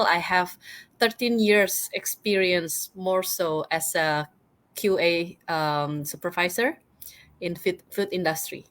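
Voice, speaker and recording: A woman in her thirties speaks as a guest on a video call. Her voice sits a little low, and her casual, friendly talk is full of "you know" and other fillers. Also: fairly bright tone. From Indonesia.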